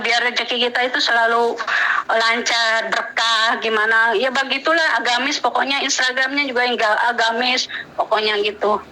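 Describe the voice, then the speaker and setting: A woman in her thirties answers interview questions, hesitant and full of fillers. She agrees readily with her interviewer. Her voice is bright and sits a little high. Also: steady tone, moderate pace, slight background noise, poor audio. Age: 30s. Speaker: guest.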